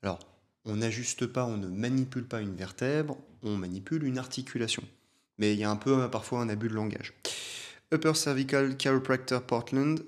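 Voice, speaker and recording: A man's voice: on the low side, a little fast. A young adult man, a chiropractor, giving casual reaction commentary on a video, chatty and hesitant with fillers.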